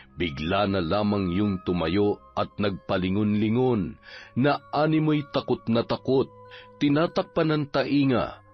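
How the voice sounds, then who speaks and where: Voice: mid-range voice, dull audio. A storyteller reading a dramatic, scripted horror narration. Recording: band-limited audio with music behind.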